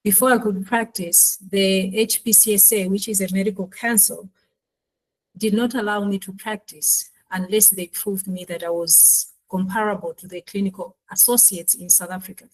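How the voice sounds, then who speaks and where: A woman's voice: medium pitch, steady tone, rough recording. Woman from Malawi on a panel. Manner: measured, explanatory storytelling. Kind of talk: panel discussion.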